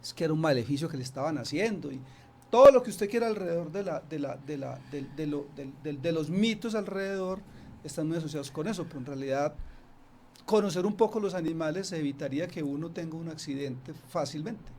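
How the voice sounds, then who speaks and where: A radio studio guest, the man is a snake specialist from Antioquia, Colombia, whose casual explanations keep restarting and filling gaps with fillers. He speaks a little fast in a slightly high, darkish voice against slight background noise.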